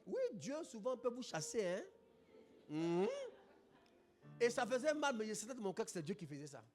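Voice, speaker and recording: Man pastor, high voice, animated sermon, soft music behind. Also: moderate pace. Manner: animated preaching, bursts of shouting. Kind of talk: sermon testimony. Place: church.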